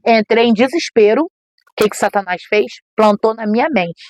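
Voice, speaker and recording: A middle-aged woman, a podcast guest and missionary preacher, telling an emotional personal testimony with animated storytelling. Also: on the high side, moderate pace, dry recording. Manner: animated storytelling, acts out quoted voices.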